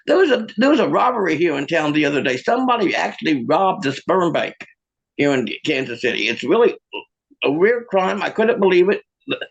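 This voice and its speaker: A man's voice: high-pitched, creaky, breathy edge. A man doing a stand-up joke set, with stammering, rambling setups. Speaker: stand-up comedian.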